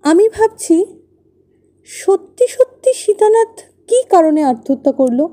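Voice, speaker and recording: A woman's voice: extremely high pitch, lively intonation, unhurried. A woman reading the part of a young wife who placates her husband, in a Bengali play reading. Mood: placating. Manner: placating, gently reassuring. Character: young adult wife, soothing and evasive.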